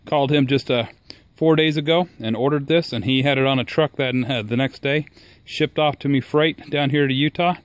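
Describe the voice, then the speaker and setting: A man talking casually to the camera about his cooking at home outdoors, relaxed and enthusiastic, with frequent fillers. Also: mid-range voice, normal speed, clean tone, no room sound. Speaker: home cook reviewing his new smoker.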